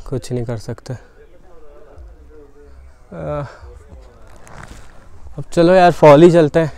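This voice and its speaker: A man's voice: medium pitch, darkish tone, clear, resonant tone. A young man talking casually to his camera on a motorcycle trip, thinking aloud as he goes. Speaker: motorcycle vlogger. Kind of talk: casual travel vlog. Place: outdoors on a hill road. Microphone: lapel mic, selfie camera at arm's length. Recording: outdoor noise from traffic. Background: traffic and outdoor ambience.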